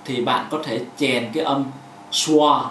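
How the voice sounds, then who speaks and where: A man whose first language is Vietnamese, teaching pronunciation; he talks haltingly with many fillers and says example words over and over. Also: mid-range voice, a little hiss or hum. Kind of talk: explaining a lesson with hand demonstrations. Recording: echoey room, voice from a distance.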